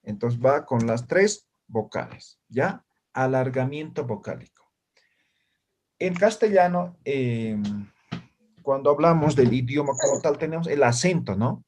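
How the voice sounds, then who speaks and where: Animated and unhurried, a man with a medium-pitched, darkish voice teaches a language class. Almost every phrase is followed by a quick question to his students, whose answers fill the room.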